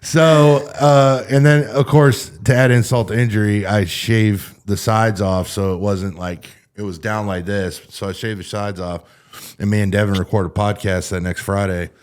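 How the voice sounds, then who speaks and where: A man's voice: on the low side, steady tone, normal speed, smooth. A male podcast host telling crude stories in casual chat, swearing freely. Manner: rowdy storyteller, swears freely.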